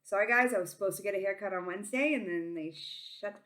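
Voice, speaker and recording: A woman's voice: mid-range voice, fast talker, fairly bright tone. A woman with a Boston accent giving a casual psychic reading to viewers, informal, slangy and affectionate, sounding tired and a little silly. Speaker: tarot reader and channel host.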